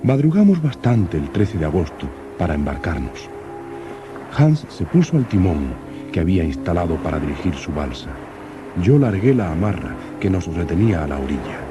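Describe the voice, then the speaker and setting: An actor playing an earnest, curious young explorer who narrates his expedition diary like an old radio serial announcer, in formal, measured diction. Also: low-pitched, sing-song. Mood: earnest narration. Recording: old radio drama with music.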